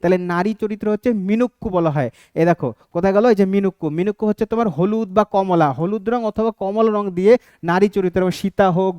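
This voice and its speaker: A man's voice: high-pitched, darkish tone, clean tone, dry recording. A man teaching an exam-prep lesson, explaining step by step and often checking in with his students. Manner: explains step by step, keeps asking "ঠিক আছে?".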